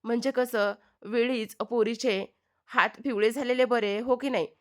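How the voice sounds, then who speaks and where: A woman's voice: fairly high pitch, fairly even intonation, unhurried. A woman narrating a TV episode recap in a plain storytelling manner. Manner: storytelling with plain narration between acted lines. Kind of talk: retelling a TV episode.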